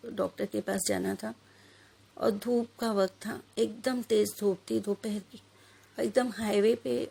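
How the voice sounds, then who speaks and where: Husky woman telling an earnest religious story. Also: on the high side. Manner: earnest storytelling, gently questioning the listener. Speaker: religious speaker. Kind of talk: religious talk with personal story.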